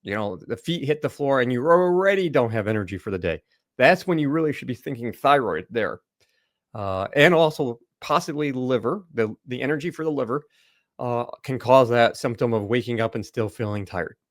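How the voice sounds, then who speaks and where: A man's voice: mid-range voice, animated, normal speed, dry recording, clean studio sound. A middle-aged man, a naturopathic doctor, explaining a slide presentation in a loose conversational way, with lots of fillers and restarts.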